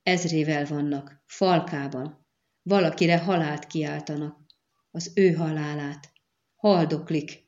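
A woman voicing an anxious young male scribe who talks slowly and fretfully, in an audiobook reading. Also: sits low, steady tone, darkish tone, highs cut off, lightly acted.

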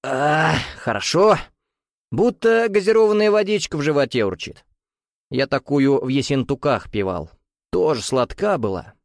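A man's voice: on the high side, expressive, normal speed, dry recording, studio quality, voice pushed up. A man voicing a jovial, sly bearded Russian nouveau-riche man who teases in a folksy, coaxing way with veiled menace.

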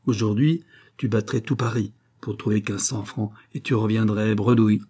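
A man reading the part of a worldly, commanding society woman in an audiobook, talking briskly and knowingly. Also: on the low side, fairly even intonation, warm tone, breathy edge.

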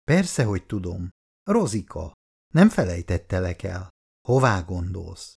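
A man's voice: low voice, animated, creaky, darkish tone, breathy edge, heavily acted. Earnest young soldier in love, voiced by the male narrator, plain voice, a bit defensive. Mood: eager.

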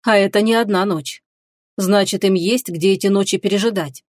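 A woman voicing a thoughtful male companion who reasons calmly. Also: medium pitch, normal speed, dry recording, clean studio sound, close to an everyday voice. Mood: reasoning.

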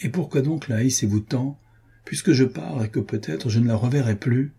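A man's voice: medium pitch, normal speed, gravelly, dark tone, slightly rough, pitched above the performer's own voice. A man reading the part of a proud young nobleman in an audiobook, firm, polite and coolly ironic.

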